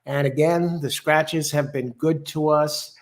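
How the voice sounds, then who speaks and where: Guy hosting a live racing picks show, slightly high voice, chatty. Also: fairly even intonation, unhurried. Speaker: host.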